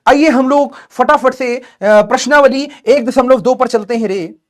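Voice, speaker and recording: A man's voice: very high-pitched, measured pace. A man doing a drawling silly tutor bit. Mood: jokey. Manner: tacks a drawling "re" onto every line. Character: silly self-styled big-brother tutor.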